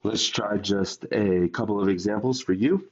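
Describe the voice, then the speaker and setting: A man's voice: on the low side, moderate pace, dull audio. A man teaching a recorded math lesson while under the weather, explaining step by step and speaking directly to his students.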